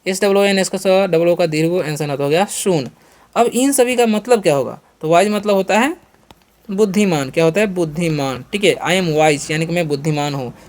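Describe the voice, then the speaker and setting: In an English vocabulary lesson, a man with an Indian accent and a high-sitting voice repeats every question and answer, reading the example sentences slowly and deliberately.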